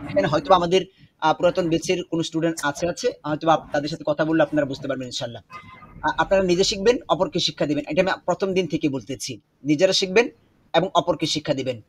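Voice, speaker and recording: A man teaching Quran pronunciation in an online class over a video call, explaining slowly and repeating words to drill them. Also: a little high, slightly rough.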